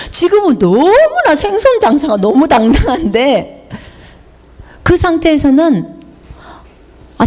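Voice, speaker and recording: Woman missionary, Jeolla accent, high voice, very animated pitch, chatty sermon storytelling. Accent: Jeolla Korean. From South Jeolla, Korea. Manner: chatty, asks the congregation questions, slips into dialect. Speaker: missionary preacher. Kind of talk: sermon with personal stories.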